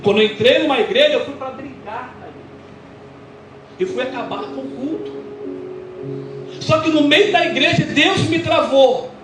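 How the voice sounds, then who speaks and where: A pastor from Brazil with a notably high voice preaches his testimony, acting out every quoted exchange in a lively way. The church is echoey, and music plays clearly behind him. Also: normal speed, long pauses. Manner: animated storytelling, acting out quoted dialogue. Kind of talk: sermon testimony.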